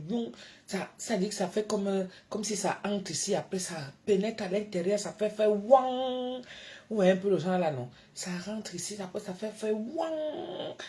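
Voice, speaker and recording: A woman hosting a late-night live stream from home, reading out viewers' names and answering them, swinging between soft murmurs and loud exclamations. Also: mid-range voice. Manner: reads out and answers viewers by name. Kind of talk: casual live-stream chat. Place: her home at night, indoors.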